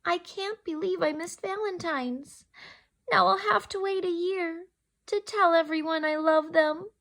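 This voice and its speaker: Woman playing a plaintive, high-voiced storybook girl. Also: a little slow, a bit bright, full character voice. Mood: dismayed, tearful. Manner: plaintive, emotive. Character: sweet, earnest, anxious storybook girl who loves Valentine's.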